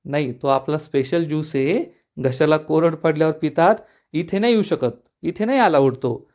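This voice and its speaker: A man's voice: on the high side, normal speed, a little mellow, natural voice. A man voicing a stubborn, boastful old man in a hospital bed who insists he is fine. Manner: insistent, brushes off worry.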